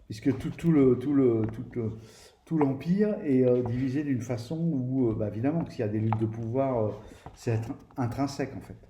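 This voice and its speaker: A man's voice: mid-range voice, moderate pace, dark tone, muffled recording. A man giving a casual spoken review of a tabletop game book, speaking to viewers directly in a hesitant way, with many restarts and fillers. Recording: roomy echo, faint background noise.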